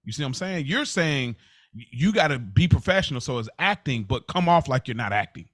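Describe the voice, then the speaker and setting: An American podcast co-host debates casually with friends, slangy and conversational, frequently jumping in. His medium-pitched voice is sing-song, fairly quick and a bit bright, recorded dry in studio quality.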